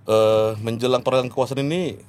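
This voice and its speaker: A man's voice: medium pitch, steady tone, fairly quick, darkish tone. A man hosting an interview, asking questions politely and addressing his guest respectfully, often agreeing along the way. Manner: deferential, addresses guest as elder brother, frequent agreement. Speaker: interviewer, host.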